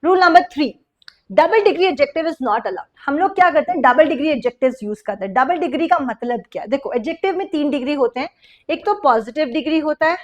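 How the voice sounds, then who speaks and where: A woman teaching an exam-prep English grammar lesson who explains step by step, slows down for example sentences and keeps checking in with her class. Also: high-pitched, animated, dull audio.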